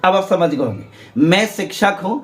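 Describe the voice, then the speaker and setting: A man's voice: sits high, expressive, moderate pace. A man teaching English grammar in Hindi, explaining step by step and asking and answering his own questions. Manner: drills learners to repeat aloud.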